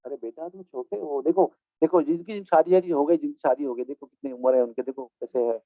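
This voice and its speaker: A man voicing a patient mother who gently coaxes her crying son. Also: fairly high pitch, fairly quick, no room sound, pitched below the performer's own voice, lightly acted. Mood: coaxing. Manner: soft, coaxing, patient. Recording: tinny phone-like sound.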